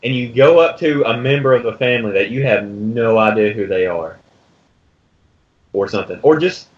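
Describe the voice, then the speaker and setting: A man in casual chat who speaks in a hesitant, halting way. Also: mid-range voice, animated. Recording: dull lo-fi recording.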